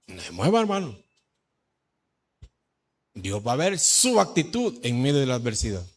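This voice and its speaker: A middle-aged male pastor from El Salvador, preaching a lively sermon that swings from shouts to low asides. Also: normal speed. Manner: animated preaching, shifts from shouts to low asides, says "hermano" often.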